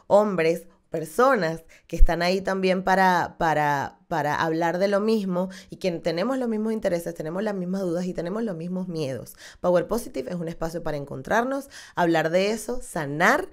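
A woman, hosting a podcast and talking expressively into a studio mic in a small room. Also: lowish voice. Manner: animated, gestures a lot with her hands. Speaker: podcast host. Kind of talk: casual podcast outro. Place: small room with dark wall. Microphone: studio condenser mic on stand.

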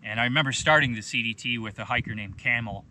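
A man in his thirties, a hiking vlogger, telling a personal story in a relaxed, conversational way and often saying "you know". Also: medium pitch, fast. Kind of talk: casual storytelling to camera.

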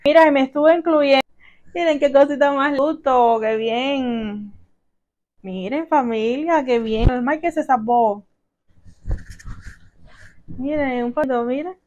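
A young woman from Cuba, a vlogger and mother, opens gifts at home, gushing and exclaiming while calling her viewers family. She speaks slowly with long pauses in a Cuban accent, her high voice carrying a darkish tone. The recording has its highs cut off.

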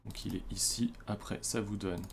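French man, low-ish voice, casual home tutorial narrator, faint hiss and keyboard behind. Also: steady tone, normal speed, creaky. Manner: chatty, loose, many fillers and self-corrections. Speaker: tutorial presenter. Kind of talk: casual screen-recorded tutorial.

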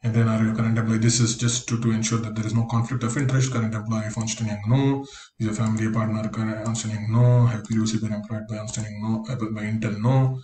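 A career coach from India, whose first language is Konkani, talks fast in a flat, mellow, lowish voice. He walks through a screen-recorded tutorial step by step in a plain, practical way. The room is echoey, with a faint hiss.

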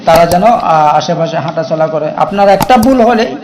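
High-voiced man teaching slowly. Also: lively intonation, crowd noise. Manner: slow, deliberate recitation of Arabic chants between plain explanations; repeats 'okay?' to check the listener is following. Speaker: spiritual practice teacher. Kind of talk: instructional talk to viewers.

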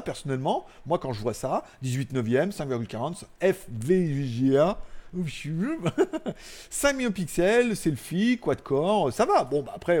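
This French man's voice sits high with a darkish tone as he rambles through a live tech news show from his home studio. The stream is casual, full of jokes, crude asides and frequent laughter.

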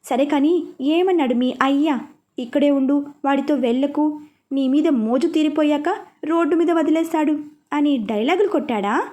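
A woman voicing a hot-tempered, possessive young man in love, who talks in sharp, scolding questions. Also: sits high, moderate pace, natural voice. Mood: heated.

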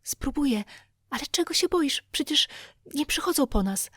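A woman's voice: high-pitched, lively intonation, normal speed, no room sound, clean studio sound, voice pushed up. Tom Sawyer, a scared boy whispering as a woman reads him. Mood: reassuring. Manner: hushed, anxious whispering, trying to sound brave. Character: frightened young boy, whispering at night. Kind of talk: audiobook character voice.

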